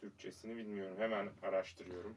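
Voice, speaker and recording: A man's voice: fairly low pitch, little pitch movement, quick pace. A man, a podcast producer, reporting search results in a plain, matter-of-fact way.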